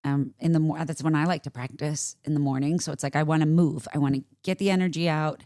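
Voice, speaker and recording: A woman's voice: deep voice, fairly even intonation, fast, warm tone, no echo, clean studio sound. A woman co-hosting a yoga podcast in casual chat, chatty and upbeat, with lots of "like" and "right?". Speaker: yoga teacher and podcast co-host.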